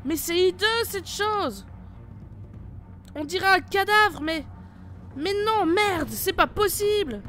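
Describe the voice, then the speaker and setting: A woman's voice: medium pitch, a little slow, long pauses, fairly bright tone, soft background music, natural voice. A woman voicing a tough female squad leader in an amateur horror audio drama, giving curt, commanding orders. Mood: frantic. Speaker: team leader.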